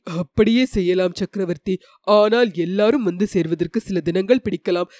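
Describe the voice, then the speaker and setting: A woman voicing a loyal, devout male chief minister in an audiobook of a historical novel, steady and reverent. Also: mid-range voice, normal speed, no room sound, studio quality, voice pushed down, close to an everyday voice. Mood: reassuring.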